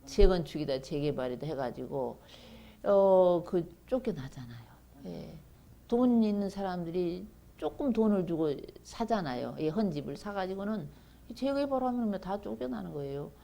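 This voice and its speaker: Woman lecturing on scripture, lively pitch. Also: moderate pace, vocal fry. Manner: conversational, reads scripture aloud with emphasis. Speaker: seminary lecturer. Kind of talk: bible lecture.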